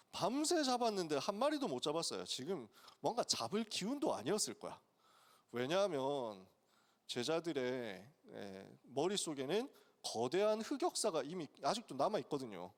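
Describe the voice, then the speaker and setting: Lively high-voiced male pastor preaching. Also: normal speed. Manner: casual, colloquial storytelling that acts out the dialogue. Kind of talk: sermon for university students. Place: church sanctuary. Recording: long hall reverb.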